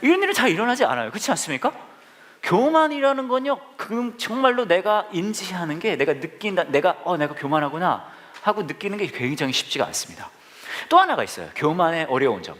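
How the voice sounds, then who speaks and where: Male pastor, playful storyteller in the pulpit, fast, animated delivery. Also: sits high. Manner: humorous storytelling with asides to the congregation. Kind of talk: sermon.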